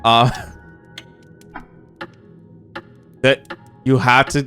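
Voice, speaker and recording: A man's voice: medium pitch, little pitch movement, very slow, fairly bright tone, faint music behind. Casual young man thinking aloud. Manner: thinking aloud, laughs often. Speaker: streamer. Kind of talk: casual co-op game chat.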